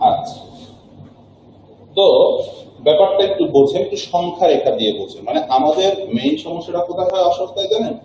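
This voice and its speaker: A patient male math teacher walks students through a lesson at a digital board, repeating each point and checking they follow. His voice is mellow and slightly high. It rings out in a very echoey classroom, picked up from well away from the mic. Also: lively intonation, fast talker, pauses often, recorded from a distance, slight background noise.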